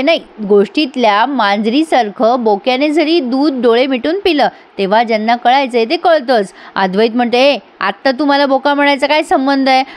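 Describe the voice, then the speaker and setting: A woman narrating a recap of a TV serial episode, acting out each character's lines with lively emphasis. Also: sits high. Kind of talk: voice-over recap acting out dialogue.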